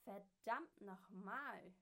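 A woman's voice: medium pitch, lively intonation, takes it slowly, dark tone. A woman doing an old mountain hermit. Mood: furious. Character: old hermit man on a mountain, calm then furious.

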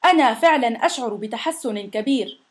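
A woman voicing a kind, patient little male monster in a storybook reading, speaking gently. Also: on the high side, expressive, fairly quick, lightly acted. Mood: gentle.

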